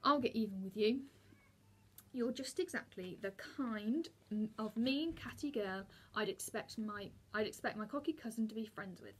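A woman's voice: mid-range voice, normal speed, hardly any pauses, slightly rough, close to an everyday voice. A woman reading the part of a furious, proud schoolboy, raising her voice indignantly. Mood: spiteful. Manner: shouting indignantly.

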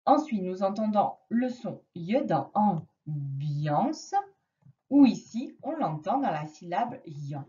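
A woman teaching a reading lesson to a young child, slowly and patiently stressing each sound. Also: mid-range voice, big pitch swings, warm tone, recorded from a distance, muffled recording. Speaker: primary school teacher.

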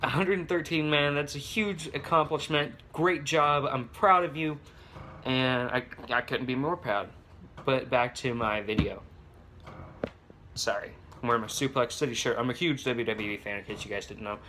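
A young man talks to his phone camera at home in a loose, rambling vlog, restarting his sentences and leaning on fillers. His voice sits at an ordinary middle pitch. A faint hum of noise runs under the recording. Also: moderate pace, bright, forceful tone. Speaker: vlogger. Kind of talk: casual vlog. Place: home with babies heard nearby.

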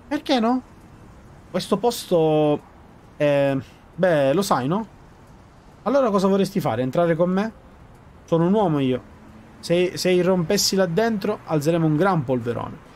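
A man's voice: high voice, animated, unhurried, long pauses, a little mellow. A man reading aloud the terse, hesitant lines of a young male swordsman in a video game. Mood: reluctant.

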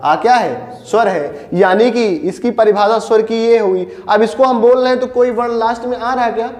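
A man's voice: extremely high pitch, flat delivery, brisk, darkish tone. A man teaching a Hindi grammar lesson, who asks his class questions and answers them himself and repeats the key points. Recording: echoey room with reverb.

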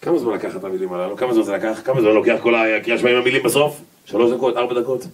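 Rabbi giving a joking, lively lecture. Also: male voice, mid-range voice. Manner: jokey, acts out little scenes and voices. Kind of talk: humorous Torah lecture. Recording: distant mic with noticeable noise.

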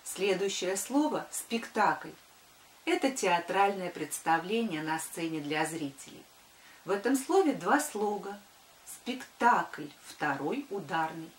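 An older woman, a primary school teacher dictating to children deliberately and sounding out words by syllable. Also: fairly low pitch, animated. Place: small wood-panelled room indoors. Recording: echoey room.

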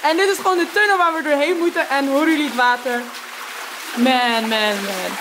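A young woman chatting casually on a travel vlog, lively and slangy, filmed on a handheld camera outdoors and in a minivan. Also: sits high, brisk, noisy background. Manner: lively, slangy, laughs often. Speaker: travel vlogger.

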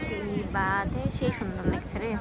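Filming her day between an outdoor fair and home, a family vlogger chats casually, playfully teasing her friends. Her mid-range voice moves at a moderate pace over very noisy surroundings.

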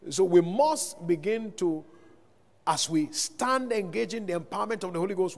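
A high, creaky male voice belongs to a Nigerian pastor preaching live in a large church hall. He calls out to the congregation with rising calls between scripture readings, and the hall's reverb lingers long.

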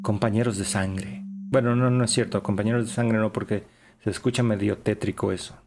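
A man's voice: fairly low pitch, steady tone, brisk, a little mellow. A young man, giving chatty, upbeat running commentary while streaming a horror game. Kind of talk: live gaming stream commentary.

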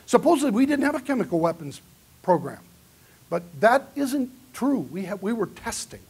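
A man delivers a conference keynote in a large hall, lecturing earnestly and fielding audience questions, recorded by a far camera in the audience. His voice is very high with big pitch swings, at normal speed, a little mellow and slightly rough.

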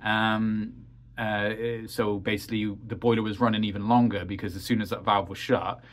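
A man with a fairly low voice gives a casual vlog tour of his heating setup. He rambles in a practical way, full of ums and uhs. He talks from a cramped crawl space and utility room. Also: level tone, moderate pace. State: out of breath after crawling. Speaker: homeowner showing his heating system.

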